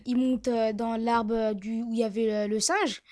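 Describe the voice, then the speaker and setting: Woman storyteller, high voice, tale told aloud with pauses and fillers. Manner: lively, hesitant with fillers. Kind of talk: oral tale telling.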